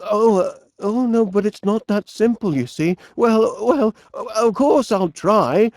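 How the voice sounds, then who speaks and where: A male actor with a Northern English accent playing Wallace, a cheery, bumbling middle-aged inventor who is hesitant and easily flustered, in an animated comedy game. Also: high-pitched, measured pace, no echo, clean studio sound. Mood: flustered, apologetic. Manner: hesitant, stammering, genial.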